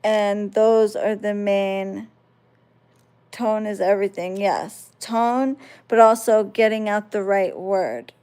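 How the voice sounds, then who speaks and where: Speaking slowly in a mid-range voice that's darkish, clear and resonant, a woman from the United States hosts a spiritual channel. Her talk with viewers is conversational, and she often makes sure they understand.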